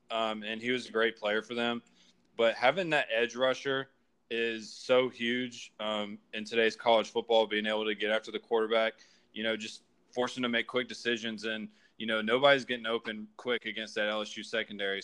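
A young man chats as a guest on a sports podcast. His voice is bright and crisp, and he fills his sentences with "like" and "you know.". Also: fairly low pitch, low-quality recording. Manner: chatty, lots of filler "like". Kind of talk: casual sports podcast chat.

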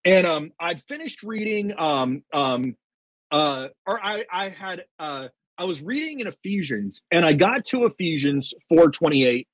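A man's voice: a little high, a little slow, no room sound. A middle-aged man, a podcast guest, telling a faith testimony with earnest storytelling, often quoting himself. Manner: many fillers and restarts, excited.

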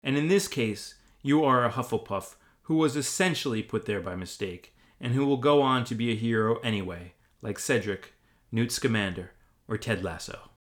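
A man's voice: medium pitch, normal speed. An American man hosting a podcast with scripted comedic narration in a wry, tongue-in-cheek manner. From United States.

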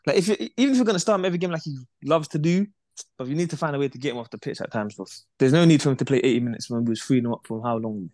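A young man, co-hosting a casual football chat, animated and repetitive, dropping "bruv" and "bro" constantly. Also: medium pitch, racing, no room sound, clean studio sound. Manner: animated, repeats himself, peppers talk with "bruv" and "bro". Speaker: podcast co-host.

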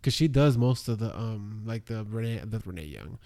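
A man co-hosting a wrestling podcast, halting as he searches for words. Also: fairly low pitch, animated, a little mellow, no room sound, clean studio sound. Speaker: podcast co-host. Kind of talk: casual wrestling podcast chat.

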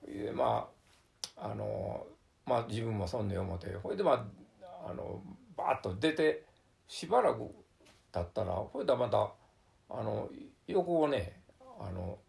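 A man's voice: fairly low pitch, big pitch swings, unhurried, a little mellow. An older man with a Kansai Japanese accent telling how he survived a flood, in a vivid, filler-heavy storytelling way. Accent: Kansai Japanese, Wakayama dialect. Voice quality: gravelly. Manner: vivid storytelling with sound words, many fillers. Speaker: flood survivor recounting his experience. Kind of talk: oral history testimony.

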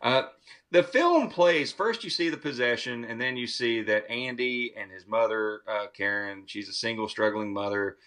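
A man's voice: mid-range voice, animated, normal speed, a bit bright. A man hosting a podcast, casually and enthusiastically recounting a film's plot with plenty of swearing and laughter in his retelling. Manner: enthusiastic, profane, retells scenes. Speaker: podcast host. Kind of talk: casual movie review chat.

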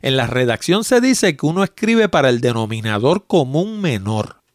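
A man's voice: mid-range voice, big pitch swings, moderate pace, no echo, clean studio sound. A middle-aged man with a Puerto Rican Spanish accent, hosting his podcast in an emphatic, explanatory, conversational way. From Puerto Rico. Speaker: podcast host. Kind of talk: casual solo podcast talk.

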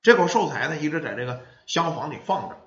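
Male storyteller, lively pitch, lo-fi echoey sound. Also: fast, slight background noise. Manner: folksy storyteller acting out children and parents. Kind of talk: spoken ghost story telling. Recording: roomy, dull lo-fi sound.

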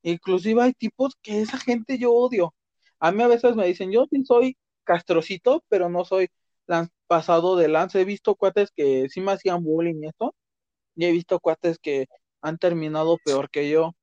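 A man's voice: high-pitched, moderate pace, a little mellow, no room sound. A young man with a Mexican accent, telling stories in crude slang in a casual chat. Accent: Mexican Spanish. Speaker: co-host. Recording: dull lo-fi dry recording.

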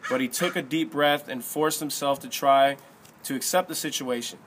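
Male narrator for an audiobook; steady, even storytelling read. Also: medium pitch, normal speed, background noise.

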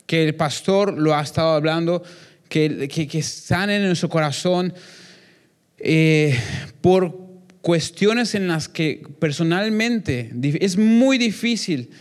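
A man's voice: a little high, takes it slowly. A young man preaching a sermon to a congregation, earnest and repetitive, often restarting his phrases. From Mexico. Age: young adult.

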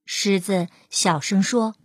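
Slow, breathy woman reading a children's story. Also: medium pitch, no echo, clean studio sound. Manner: expressive, drawn-out storytelling.

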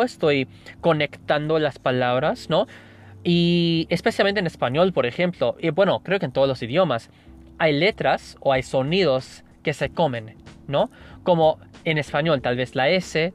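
Higher-voiced man musing aloud, non-native. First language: English. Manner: thinking aloud, frequent restarts and tag questions. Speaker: language learner sharing tips. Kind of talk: casual spoken monologue.

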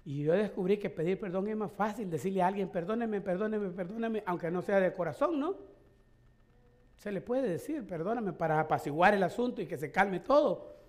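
A man's voice: high voice, lively intonation, a little fast. A male pastor in middle age preaching a sermon in a conversational way, with rhetorical questions and light chuckles.

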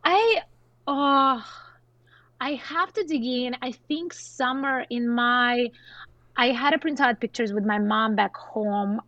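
A woman from Russia in her thirties, chatting casually about music, full of "like" fillers and quick laughs. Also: a little high, a bit bright, dry recording, dull audio. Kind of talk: casual chat.

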